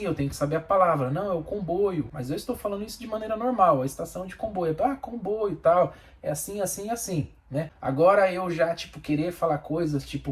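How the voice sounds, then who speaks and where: A Brazilian bus driver speaks Portuguese with a Brazilian accent, sharing blunt, opinionated views in a casual vlog. His voice is a little high and a little mellow, and he repeats himself for emphasis.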